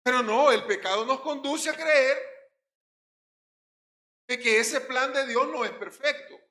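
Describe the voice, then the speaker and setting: In the echoing space of a church hall, a Puerto Rican–accented male pastor delivers a forceful sermon at an unhurried pace. His high, ringing voice swings between loud emphasis and sudden quiet.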